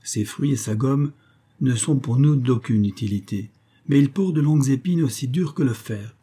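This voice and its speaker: A man voicing a calm, fatherly castaway leader who speaks in a measured, earnest and kindly way, in an audiobook. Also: medium pitch, slightly rough, natural voice.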